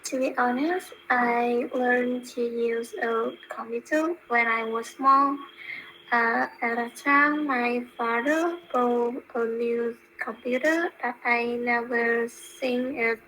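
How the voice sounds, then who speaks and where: A female student with a Vietnamese accent giving a halting practice answer with many fillers. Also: on the high side, pushed and bright, slight background noise, low-quality recording.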